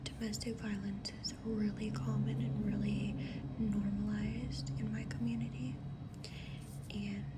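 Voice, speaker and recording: A woman speaking in a soft, breathy whisper in a casual ASMR chit-chat, halting as she goes. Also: medium pitch, little pitch movement. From Mohawk First Nation reserve in North America. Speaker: ASMR creator. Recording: clear background noise, pencil drawing sounds. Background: writing or drawing sounds, ambient noise.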